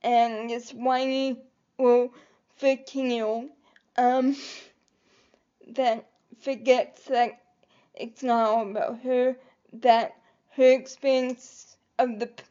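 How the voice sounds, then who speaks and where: A woman's voice: on the high side, flat delivery, takes it slowly, pauses often, dark tone, highs cut off. A woman vlogger talking to her viewers in a rambling, hesitant way, with many fillers and restarts. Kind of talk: reflective personal vlog.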